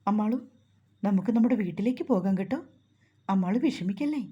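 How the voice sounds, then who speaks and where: A grown man with a child's mind coaxes and clings to his bride, voiced by a woman narrator. The voice is husky and dark, with a slightly muffled sound. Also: mid-range voice, lively intonation, brisk. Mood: coaxing.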